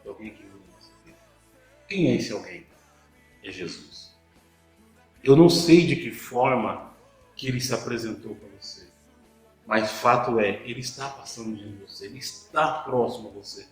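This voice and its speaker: A man's voice: medium pitch, lively intonation, normal speed, long pauses, roomy sound, soft background music, poor audio. A man preaching a sermon, asking the listeners rhetorical questions and often repeating words as he restarts a thought.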